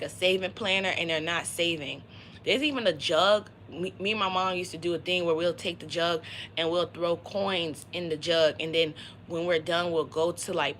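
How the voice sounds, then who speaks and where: A woman's voice: lowish voice, sharp tone, a little hiss or hum, rough recording. A woman giving a casual, motivational tarot reading on a livestream, talking in a slangy, conversational way. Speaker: tarot reader.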